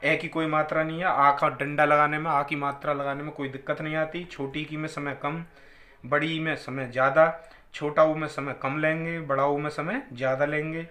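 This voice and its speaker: Male Hindi teacher with a slightly high voice, patient and repetitive, recorded in an echoey room. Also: level tone, pushed and bright. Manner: slow, drawn-out vowel demonstrations, repeating sounds. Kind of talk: classroom grammar lesson.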